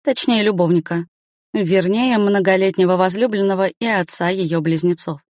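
A woman narrating a story aloud in an even, matter-of-fact reading. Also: mid-range voice, moderate pace, no echo, clean studio sound. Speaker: audiobook narrator. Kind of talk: scripted narration.

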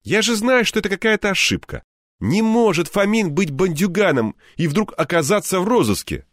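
A man's voice: high voice, big pitch swings, normal speed, no room sound, clean studio sound, voice pushed up. A man voicing a playful, mocking young male friend who teases and jokes, in an audiobook reading. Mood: teasing.

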